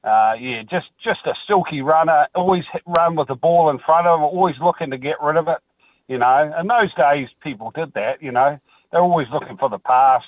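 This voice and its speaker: An older man with a New Zealand accent rings a radio show. His voice is a little high and squeezed by a dry, narrow phone line. He chats casually about sport. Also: a little fast, no echo. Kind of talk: casual rugby chat.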